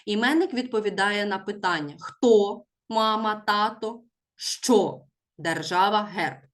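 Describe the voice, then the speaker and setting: Woman teacher talking real slow, spelling things out word by word for kids, mid-pitched voice. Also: a bit bright. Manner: slow, deliberate, stresses words for dictation. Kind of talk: school lesson for children.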